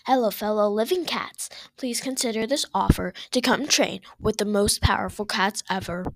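A woman's voice: mid-range voice, normal speed, vocal fry, no room sound, voice pushed down. A woman voicing a scheming male villain cat leader who stumbles over his words. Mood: sly sales pitch. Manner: pleading then sly, stumbling over words.

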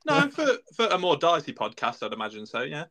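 Sweary, sarcastic man, higher voice. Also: wildly swooping pitch, fairly quick, sharp tone. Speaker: guest co-host. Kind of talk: casual chat.

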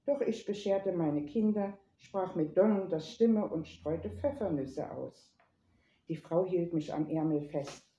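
Mellow woman reading a story aloud. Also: fairly low pitch, measured pace, dull audio. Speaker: reader. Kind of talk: storybook narration. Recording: echoey room.

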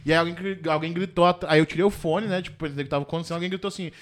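Man with a Minas Gerais accent, fairly high voice, animated storyteller, acts out voices, laughs a lot. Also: very fast. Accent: Brazilian Portuguese, from Minas Gerais. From Minas Gerais, Brazil. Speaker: comedian telling a story. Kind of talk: casual chat, animated storytelling.

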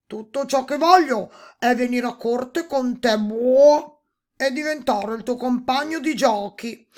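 Woman doing a croaking, pushy big toad. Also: high-pitched, slow, a little mellow, voice pushed up. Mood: pleading, cheeky. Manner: breaks lines with a croaking "boh". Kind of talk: storybook reading.

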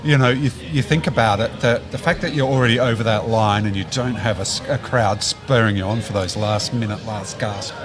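A man's voice: fairly low pitch, a little fast, hardly any pauses, music in the background. A man on a podcast panel, talking casually about football.

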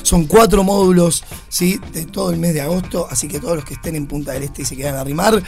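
A man's voice: on the high side, fairly even intonation, quick pace, gravelly, darkish tone, soft background music. A man, a guest bartender chatting casually on a radio show, often restarting his words.

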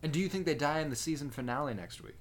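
A man's voice: a little high, lively intonation, very fast. Man recapping a show, analytical. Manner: recaps and analyzes eagerly, asks questions. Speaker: podcast co-host. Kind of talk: casual chat.

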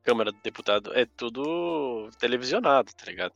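A man's voice: mid-range voice, expressive, brisk, vocal fry, fairly bright tone, highs cut off. A young man with a Brazilian accent chatting casually in a blunt, slangy way. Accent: Brazilian Portuguese. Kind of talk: casual chat.

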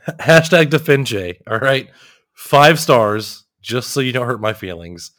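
A man's voice: mid-range voice, expressive, slow pace, fairly bright tone. A man co-hosting a podcast, joking at his own expense and laughing often in easy chat. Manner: self-deprecating, laughing, joking. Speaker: podcast co-host.

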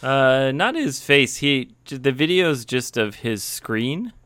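A man co-hosting a podcast, explaining English usage in a casual chat with dry, deadpan humor. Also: mid-range voice, extremely slow, no room sound. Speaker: podcast co-host, English teacher.

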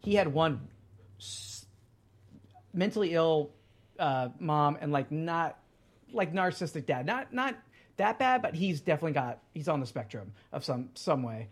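A man in his thirties, a podcast guest, chats casually in a fairly high voice with lively intonation at a normal speed. His talk rambles, full of fillers and restarts.

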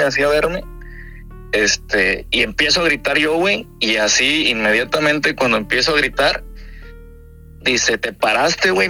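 A man's voice: fairly high pitch, bright, forceful tone. A young Mexican man with a Mexican accent telling a story in casual, slang-heavy chat, peppering it with swearing and "güey". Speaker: podcast guest.

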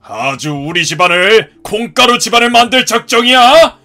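A man voicing a gruff, hot-tempered ex-marine father in his fifties who scolds and shouts in a cartoon story. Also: sits high, very animated, moderate pace, faint music behind, heavily acted. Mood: furious. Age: 50s.

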